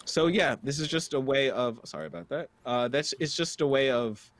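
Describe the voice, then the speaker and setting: A man co-hosting a podcast, reading a news item aloud and giving measured opinions in casual political talk. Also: medium pitch. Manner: reads news aloud then comments, measured. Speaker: podcast co-host.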